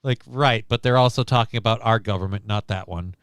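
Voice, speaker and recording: A man's voice: lowish voice, brisk, clear, resonant tone, no room sound. A man co-hosting a casual chat show, rambling and sarcastic, with plenty of swearing. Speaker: co-host.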